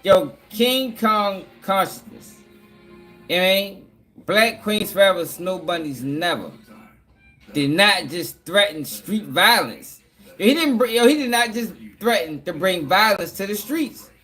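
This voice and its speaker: A man with a notably high voice reacting to clips in loose, casual commentary. He talks to his viewers in an excitable, profane way, peppering his talk with street slang. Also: a little slow, soft background music. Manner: excitable, profane, laughs often, repeats "yo" and "y'all". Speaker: reaction video host.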